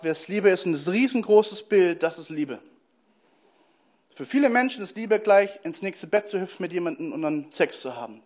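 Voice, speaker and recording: A man giving a lively sermon to his congregation, talking casually and directly to his listeners and slowing down to quote scripture. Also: sits high. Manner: casual and direct, addressing the listener as "du" with frequent "hey"; slows down and drops his voice for quoted Bible verses. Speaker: preacher.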